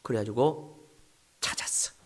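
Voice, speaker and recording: A male pastor preaching a sermon, telling the story dramatically and dropping at times to whispers. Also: a little slow.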